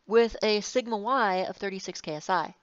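A woman's voice: mid-range voice, normal speed, no room sound. A woman engineering instructor giving a recorded lecture, rambling and correcting herself with wry asides. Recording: dull, slightly muffled, dry sound.

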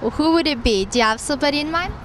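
A woman's voice: high voice, expressive, rapid-fire, fairly bright tone. A woman interviewer asking upbeat questions outdoors on a city street. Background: faint street traffic.

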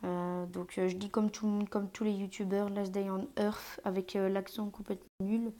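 Hesitant streamer woman, mellow voice. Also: medium pitch, little pitch movement, brisk. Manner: hesitant, many fillers, drops to whispers at times. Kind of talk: live gameplay commentary. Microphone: earphone mic.

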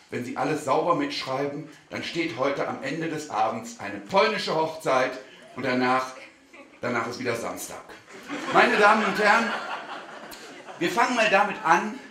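A male comedian performing a live stage show, speaking to the audience in a mock-formal, animated way and sometimes shouting. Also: on the high side, slight background noise. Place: theater stage. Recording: roomy theater sound.

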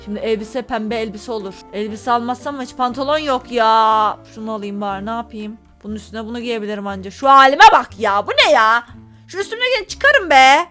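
A woman's voice: a little high, a bit bright. A young woman hosting a gaming channel, giving casual play-by-play commentary with dramatic, exasperated complaints.

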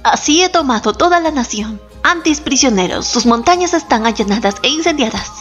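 A woman voicing a proud, victorious male Inca general who speaks harshly and boastfully, with soft music behind. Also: sits high, animated, fairly quick. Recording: slightly dull, soft background music.

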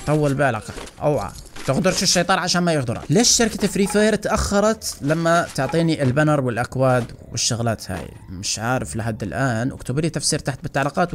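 A young man, giving live gameplay commentary as a gaming YouTuber, excitable and teasing, laughing often. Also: a little high, a little hiss or hum.

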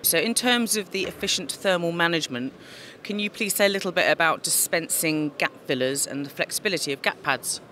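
Trade show interviewer; bright tone, brief prepared questions, faint crowd hum behind. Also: medium pitch, fairly quick, few pauses. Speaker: interviewer for an expo TV channel. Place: busy exhibition hall.

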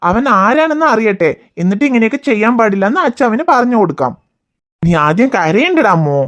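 A gentle cartoon father who calmly talks his children through their hurts, voiced by a woman. He speaks in a soothing, reasoning way, and his voice sits fairly high for a man. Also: quick pace. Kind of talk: cartoon voice acting.

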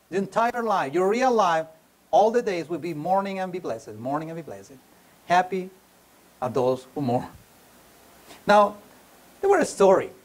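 Earnest man preaching a sermon. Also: high-pitched. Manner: earnest, repeats and restarts phrases, non-native grammar. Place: church hall.

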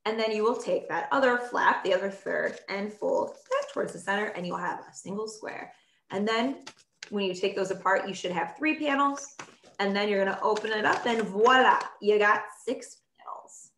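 A woman teacher telling a comic story and giving instructions in a playful, animated way. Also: medium pitch, moderate pace, a little hiss or hum. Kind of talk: classroom video lesson. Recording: echoey room.

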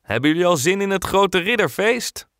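A hearty, cheerful house painter who calls out loudly to the whole street, as a male storyteller puts him on. His voice sits a bit raised and carries strongly. Dry, close sound. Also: high-pitched, lively intonation, moderate pace, clean tone, no echo, pitched above the performer's own voice. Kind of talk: audiobook character voice.

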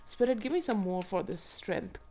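A woman with a hoarse, froggy voice from a cold, reading tarot to viewers in an unhurried, musing way and asking herself questions aloud. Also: medium pitch, lively intonation, mellow. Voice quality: froggy, croaky throat. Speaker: tarot reader and channel host. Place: indoors at a table.

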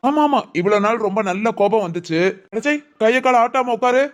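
A wry, weary husband in a Tamil family cartoon who answers every complaint with sarcasm and mutters asides. Voiced by an actor, it stays at a middling pitch. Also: fairly quick, lightly acted. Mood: teasing. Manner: sarcastic, grumbling. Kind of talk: cartoon voice acting.

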